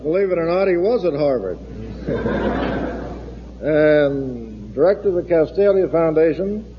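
A man's voice: fairly high pitch, very animated, a little slow, slight background noise. Forum chairman, male, formal with dry asides; big hall echo, muffled vintage broadcast sound. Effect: big echoing hall reverb. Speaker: forum chairman introducing a speaker. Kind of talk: formal public introduction. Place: large lecture hall. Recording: dull 1960s archive radio broadcast in a long-reverb hall.

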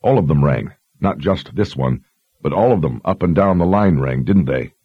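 A man voicing a stern but kind lord who speaks in a quiet, grave, measured way. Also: extremely low pitch, expressive, husky, no echo, narrow, tinny audio, full character voice.

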